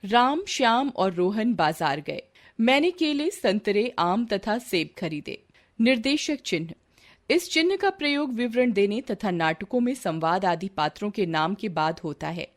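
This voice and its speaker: A woman reading a grammar lesson aloud in a slow, deliberate textbook manner. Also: medium pitch, very animated. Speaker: teacher.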